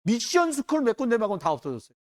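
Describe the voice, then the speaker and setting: Guy preaching in church, high voice that jumps all over, chatty storytelling sermon. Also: rapid-fire. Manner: animated, colloquial storytelling with acted quotes. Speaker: pastor.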